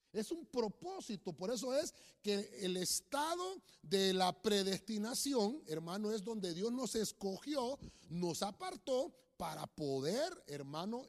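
A male pastor preaching a sermon in a church, with sudden loud emphasis and slow, drawn-out phrases. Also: high voice. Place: church, streamed online. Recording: echoey church hall.

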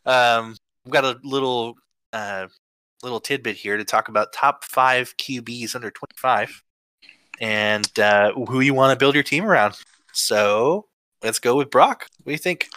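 A man's voice: medium pitch, a little slow, sharp tone, clear, resonant tone. A man co-hosting a casual sports podcast, joking and teasing the others. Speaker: podcast co-host.

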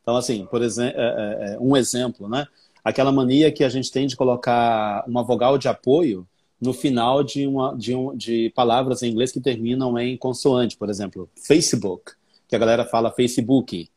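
A man's voice: medium pitch, steady tone, normal speed, darkish tone, slightly rough. A man from Brazil, a guest English teacher, explaining patiently with many examples. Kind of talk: explanatory conversation.

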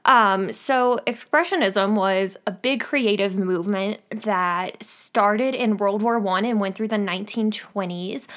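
A woman talks about an old film in an easygoing podcast chat. She speaks slowly and unhurriedly, at a middle pitch for a woman. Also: a bit bright. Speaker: podcast co-host. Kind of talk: casual film discussion.

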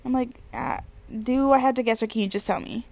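A woman's voice: fairly high pitch, fairly quick, creaky, a little mellow, dry recording. A young woman hosting a casual solo podcast, with a slightly stuffy nose, telling rambling stories and giggling often. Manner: chatty, giggly, rambling storyteller. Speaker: podcast host.

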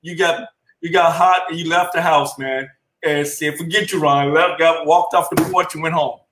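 Fairly high male voice, teasing friend, reverberant room. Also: fairly even intonation, noisy background. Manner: teasing, laughs while telling, drawn-out delivery. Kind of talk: casual chat.

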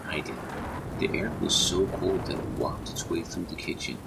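A man narrating a horror story in a measured storytelling manner. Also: sits low, creaky, very noisy.

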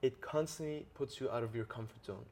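Hosting an interview on his podcast, a man talks briskly in a medium-pitched voice with a darkish tone. He explains ideas with earnestness and regularly checks in through tag questions.

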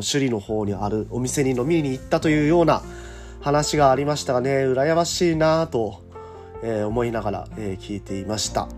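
A man with a scratchy, hoarse throat from a cold, speaking as the host of a casual morning radio monologue in a chatty, polite way. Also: medium pitch, a little mellow. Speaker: radio host and cycling tour guide.

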